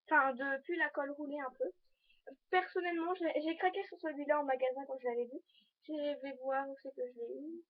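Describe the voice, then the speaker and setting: A teenage girl vlogger chats casually in a fashion vlog, rambling and hesitant as she shows items to her viewers. Her voice is high with fairly even intonation and a slightly fast pace. The audio is a dull, lo-fi home video recording.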